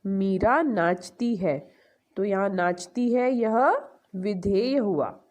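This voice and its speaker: A woman's voice: mid-range voice, extremely slow, darkish tone. A woman teacher giving an online grammar lesson to young pupils, explaining step by step and asking the class questions before answering them herself. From India. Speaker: school teacher.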